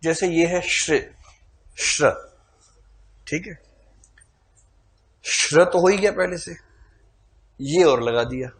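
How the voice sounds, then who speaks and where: A man's voice: a little high, lively intonation, slow, pauses often. A man teaching a classroom lecture, playfully quizzing his students and calling on them to answer.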